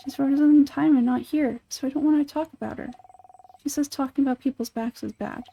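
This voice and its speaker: A woman's voice: sits high, steady tone, brisk, creaky, dark tone. A woman doing a bouncy, chatty little kid. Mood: sad. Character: cheerful energetic little kid adventurer.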